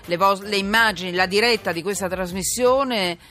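A woman's voice: mid-range voice, normal speed, fairly bright tone. A woman presenting a live current affairs radio show in an informal, emphatic way, wandering and repeating herself. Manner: informal, emphatic, digressive with repetitions. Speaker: radio host. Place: radio studio. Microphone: studio broadcast microphone.

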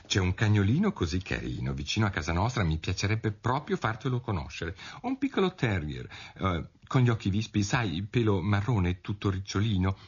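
A chatty, well-meaning young girl talks eagerly in a raised, lively voice, as a man puts her on. Her pitch bounces up and down as she chatters on. The storybook reading comes through a dull, muffled radio recording. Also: a little fast, hardly any pauses, husky.

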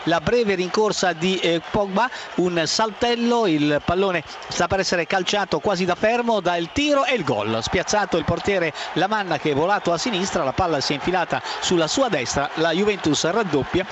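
A man's voice: sits high, animated, normal speed, hardly any pauses. A man giving detailed live radio football commentary, at times searching for the words. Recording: noisy outdoor stadium broadcast.

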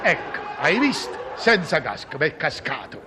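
A man's voice: on the high side, sing-song, normal speed, crowd noise. An actor playing a fussy middle-aged traffic cop father, theatrical and chatty, in a vintage comedy sketch. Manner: theatrical, chatty, mock-pompous.

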